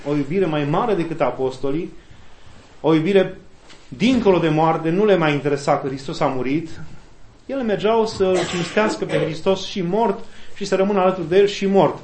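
Reflective preacher in an echoey room. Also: male voice, high-pitched. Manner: reflective, with lively quoted voices and pauses. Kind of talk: sermon.

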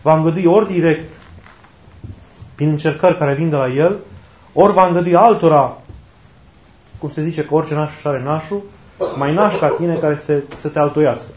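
A man's voice: fairly high pitch, long pauses, darkish tone. A man preaching a sermon in a conversational way, asking rhetorical questions and repeating his key phrases. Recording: roomy, dull lo-fi recording.

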